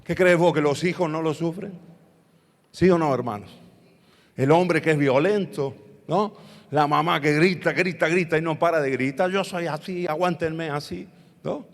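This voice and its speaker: A man's voice: fairly high pitch, moderate pace, in a large hall. A man with an Argentine accent, preaching a sermon as pastor and asking the congregation to answer back. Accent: Argentine Spanish. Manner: preaching with call-and-response questions to the congregation. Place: church hall.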